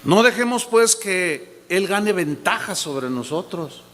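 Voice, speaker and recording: A man's voice: high voice, lively intonation, slow pace, fairly bright tone. A man preaching a sermon as pastor, emphatic and repetitive, with a habit of acting out other people's words. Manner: emphatic preaching, repeats phrases, quotes people in changed voices. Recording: long hall reverb.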